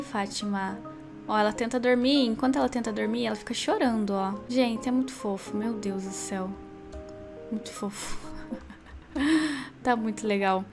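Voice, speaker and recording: A woman with a Brazilian Portuguese accent, speaking in a high, bright register. She gives casual gameplay commentary and keeps turning to talk straight to her viewers. Soft music plays faintly underneath. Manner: chatty, talks straight to viewers. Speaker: gaming video creator.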